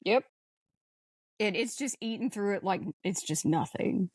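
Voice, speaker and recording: As a podcast co-host, a woman talks casually about a film in a medium-pitched, somewhat dark voice, speaking a little slowly with lively intonation. She's blunt and informal, using plenty of slang, and the recording is dry with no room sound.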